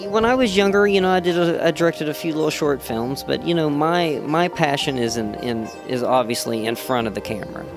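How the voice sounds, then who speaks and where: A slightly high, lively voice comes from a West Virginia actor who talks a little fast with hardly any pauses during a fan convention interview. Over loud background music, he rambles with restarts and frequent "you know" fillers.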